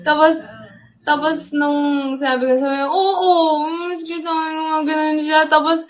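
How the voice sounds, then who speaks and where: A young woman with a Filipino accent, casually telling a story, animated and laughing as she acts out what was said. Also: high-pitched, measured pace, faint music behind, rough recording. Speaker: pop group member.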